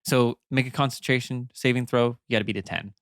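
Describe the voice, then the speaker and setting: A man narrating a tabletop game as game master, loose and halting with many fillers. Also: mid-range voice, steady tone, fairly bright tone, no room sound, clean studio sound.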